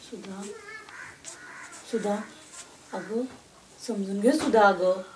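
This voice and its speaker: A woman's voice: mid-range voice, very slow, heavy background noise. A woman playing a worried pleading friend. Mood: urgent. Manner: urgent, coaxing.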